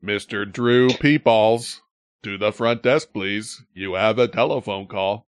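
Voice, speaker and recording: A man putting on the voice of a hotel front desk announcer, paging guests in a slow, measured lobby announcement. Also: on the low side, clean tone, no room sound, studio quality. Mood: mock formal.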